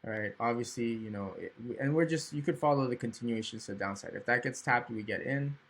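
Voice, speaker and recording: A man's voice: medium pitch, quick pace, fairly bright tone, breathy edge. A man casually walking through trading charts on screen, thinking aloud and often checking in with "right?". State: hiccups. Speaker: trading educator. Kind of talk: screen-recorded chart walkthrough.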